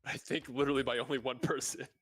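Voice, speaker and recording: A man hosting a live strategy game stream, commenting in an excitable, jokey, animated way. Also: medium pitch, fast talker. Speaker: stream host.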